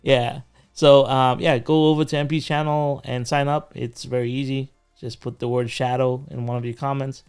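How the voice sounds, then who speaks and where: A man's voice: medium pitch, flat delivery, moderate pace, a little mellow, clean tone, faint music behind. A man hosting a casual livestream chat, rambling with plenty of fillers and restarts. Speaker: host.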